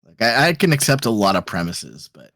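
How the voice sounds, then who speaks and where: A man's voice: mid-range voice, sing-song, fairly quick, fairly bright tone, no room sound. A man chatting casually with friends on a voice call before a tabletop game, laughing often and swearing casually. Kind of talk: casual group chat.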